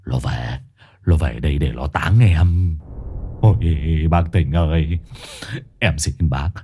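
A man's voice: extremely low pitch, takes it slowly, mellow, a little hiss or hum, voice pushed down. A man voicing a terrified, cowardly young husband who stammers and pleads. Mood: pleading.

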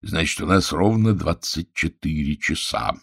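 A man's voice: rumbling low, unhurried, fairly bright tone, husky, no room sound, studio quality, full character voice. A man voicing a blunt, impatient middle-aged statesman in an audiobook, brusque in manner.

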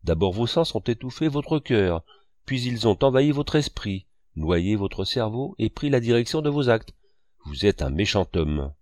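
A man's voice: lowish voice, very animated, normal speed, a little mellow, no echo, clean studio sound. A man reading the lines of a stern, scornful man who severely reproaches another.

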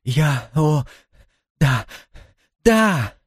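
A man's voice: mid-range voice, lively intonation, unhurried, a little mellow, dry recording, studio quality, pitched above the performer's own voice. A man voicing an overwhelmed young woman who speaks breathlessly and tremulously through tears. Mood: tearful.

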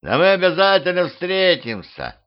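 A man's voice: high voice, big pitch swings, moderate pace, dull audio, voice pushed up. A man voicing a sly, smirking male wizard who teases and mocks. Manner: mocking, teasing.

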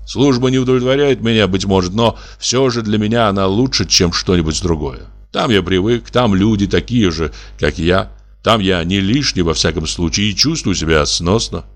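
A man reading aloud voices a cold, ironic male official who talks in a measured, lecturing way. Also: lowish voice, close to an everyday voice. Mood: dry. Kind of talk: audiobook reading.

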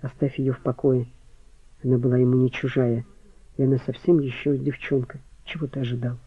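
This is a soft-spoken married woman with a quiet, soothing manner, as a male reader puts her on. The voice sounds dry and close. The sound is thin and phone-like. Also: mid-range voice, fairly even intonation, brisk, no echo, natural voice. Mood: calming.

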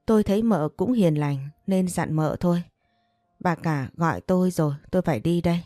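A woman voicing a kindly, motherly older female house servant in an audio story, speaking with gentle advice. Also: fairly low pitch, normal speed, no echo, clean studio sound, lightly acted.

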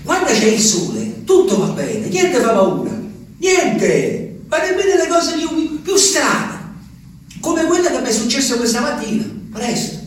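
An extremely high, exaggerated voice with big pitch swings and a measured pace belongs to a stage actor playing a lonely old peasant man. He muses aloud to the moon in a wistful, rambling monologue, captured distantly in a theatre with reverb and faint noise.

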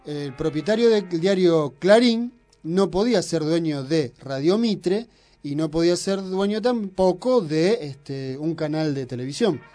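A man's voice: a little high, expressive, unhurried, mellow, soft background music. A man with an Argentine accent hosting a radio show, teasing his co-host and lecturing at length on politics. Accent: Argentine Spanish. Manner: argumentative, provocative, lecturing on politics. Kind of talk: opinionated radio banter.

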